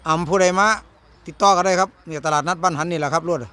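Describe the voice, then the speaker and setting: A man's voice: a little high, steady tone, rapid-fire, bright, forceful tone. A man with an Isan, northeastern Thai accent presenting like a live seller, repeating prices and calling to viewers in an outdoor market. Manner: repetitive sales patter addressing viewers. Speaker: cattle market video host. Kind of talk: live sales commentary, quoting prices to viewers. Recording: outdoor market ambience, background noise.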